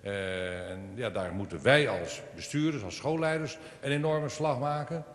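A man speaking on a conference panel, hesitant with many pauses and fillers, in a large hall. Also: mid-range voice. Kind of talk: panel discussion. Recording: echoey hall.

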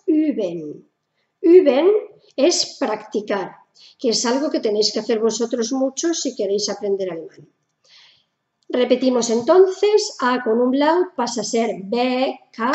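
A woman's voice: high-pitched, reverberant, lo-fi sound. A woman with a Spanish accent from Spain teaching German pronunciation in a casual video lesson, patient and repeating each sound.

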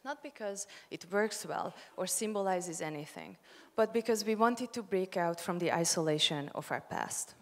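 Woman in a big hall. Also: fairly low pitch. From Hungary. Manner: measured, reading from notes. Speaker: conference opening speaker. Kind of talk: prepared speech. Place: large conference hall, on stage. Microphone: handheld. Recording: long hall reverb.

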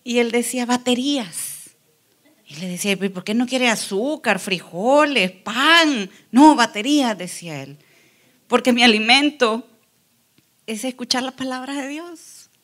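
A woman, the preacher's wife, calmly and steadily telling a story as testimony at a church gathering. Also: fairly high pitch, unhurried.

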